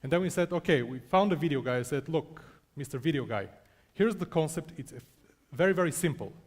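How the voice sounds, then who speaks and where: Man from bulgaria, founder telling a self-mocking story on stage, slightly high voice. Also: expressive, quick pace. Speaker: startup founder presenting. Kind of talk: conference talk.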